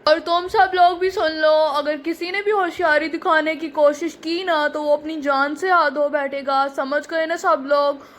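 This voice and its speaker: A woman doing a threatening male hijacker, doll story role-play, high voice, barking orders. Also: steady tone, normal speed, hardly any pauses, lightly acted. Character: menacing male plane hijacker, bossy thug.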